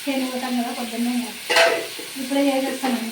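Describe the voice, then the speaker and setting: A woman's voice: high-pitched, little pitch movement, fast talker, very noisy. A chatty village woman explaining as she cooks. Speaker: home cook, vlogger. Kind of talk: casual cooking chat. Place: home kitchen. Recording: echoey room, frying sizzle behind.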